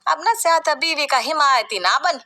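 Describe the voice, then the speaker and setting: A harsh middle-aged mother-in-law, voiced by a woman in a family story. She scolds in a sharp, commanding way, her voice high and bright. Scorn runs through every line. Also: lively intonation, moderate pace. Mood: scolding.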